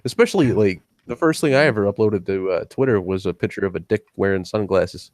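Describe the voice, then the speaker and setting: A man's voice: on the low side, fairly quick, a little mellow, no room sound, clean studio sound. A man co-hosting a casual chat, jokey and laughing often.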